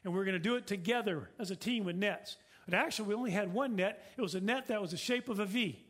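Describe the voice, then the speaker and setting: A man's voice: sits high, fast talker, fairly bright tone. A middle-aged man preaching a sermon as pastor, earnest and repetitive, with rhetorical questions.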